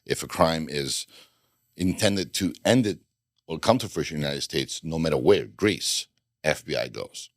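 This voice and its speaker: A former undercover FBI agent from Bosnia, a middle-aged man, tells his story as a guest on a podcast in a casual interview, rambling, restarting sentences and cracking dry jokes. His very deep voice is animated, at normal speed, with no echo.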